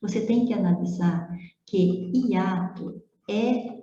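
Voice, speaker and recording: A woman language teacher talks slowly and methodically, with a very dark, mellow tone. She steps through each exercise and checks in with short questions. The recording sounds dull and a little roomy. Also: mid-range voice, slight background noise. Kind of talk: explaining phonetics exercises.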